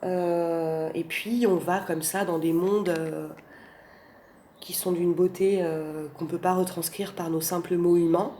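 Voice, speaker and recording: A woman's voice: lowish voice, steady tone, measured pace, dark tone. A woman with a Portuguese accent gushes in a casual vlog, stumbling through fillers and repeated words. Her voice rings in a roomy space with a faint noise floor behind it. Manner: effusive, many fillers and restarts. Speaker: oracle card reviewer. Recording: roomy home recording with faint background noise.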